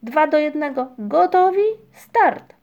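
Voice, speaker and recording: A woman voicing an excitable small male storybook creature who calls out shrilly and eagerly. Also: medium pitch, normal speed, breathy edge, dull audio. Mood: shouting. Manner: shouting shrilly.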